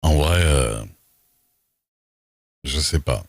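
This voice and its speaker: A man's voice: drawn-out words, dry recording, clean studio sound. A man streaming a role-play game, chatting casually and reading server rules aloud with loose asides, in a voice he calls unusual. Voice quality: unusual, very deep voice. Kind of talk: casual livestream chat while role-playing.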